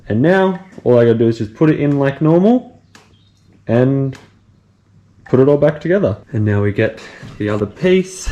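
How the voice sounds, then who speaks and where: A man's voice: mid-range voice, dark tone. A man giving a casual how-to demonstration as a bike tech presenter, talking through each step as he works. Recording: echoey room with faint noise.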